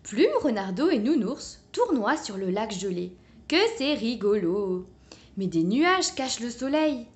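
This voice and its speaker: A woman reads a children's picture book aloud, slow and unhurried. Her somewhat high voice rises and falls with lively, singsong expression, gentle and clear for young listeners. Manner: gentle, expressive storybook reading. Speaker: storyteller.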